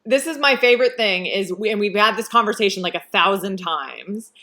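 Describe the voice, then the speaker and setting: A woman's voice: medium pitch, expressive, brisk, sharp tone. An American woman hosting a casual chat with an author, talkative and storytelling, with frequent "um"s. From United States. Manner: chatty, many fillers, tells stories. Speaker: host interviewing an author.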